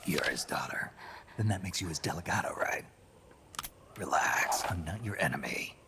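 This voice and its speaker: Covert operative, very low voice, gravelly, whispering, terse, dry, game character. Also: male voice, lively intonation, normal speed. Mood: hushed.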